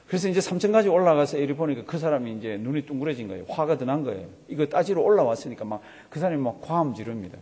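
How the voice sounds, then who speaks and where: Pastor guy giving a sermon, storytelling, mellow husky voice, lots of hall echo. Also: mid-range voice. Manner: storytelling, acting out quoted voices. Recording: long hall reverb.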